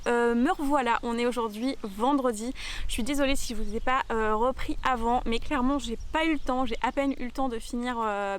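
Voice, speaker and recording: Young female vlogger, slightly high, rambling and hesitant, echoey room. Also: slight background noise. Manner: chatty, many fillers and restarts. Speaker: book vlogger. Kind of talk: casual vlog chat, unboxing. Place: rural home, later in a henhouse.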